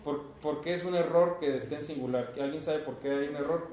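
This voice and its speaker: A man's voice: a little high, darkish tone. A man with a Mexican Spanish accent teaching an Esperanto class, patiently quizzing his students and translating phrases into Spanish. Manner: slow, patient, asks the class questions. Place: university classroom. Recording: echoey classroom recording.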